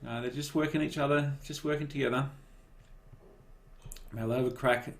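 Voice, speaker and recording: A man giving relaxed, casual live commentary on a cycling race and cheering riders on by name. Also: mid-range voice, moderate pace.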